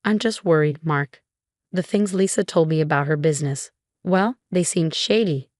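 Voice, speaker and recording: A woman's voice: low voice, moderate pace, darkish tone, no room sound, clean studio sound, lightly acted. A woman doing a smug, venomous sister-in-law. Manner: sweetly venomous, feigning innocence.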